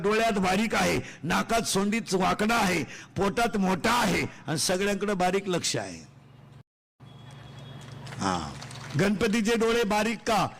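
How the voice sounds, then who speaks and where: A man preaching a comic devotional kirtan. He fires quick questions at the audience and teases them between chanted lists of names. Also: high voice, creaky, a bit bright. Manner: quizzes the audience in rapid call-and-response; joking, teasing asides between chanted lists.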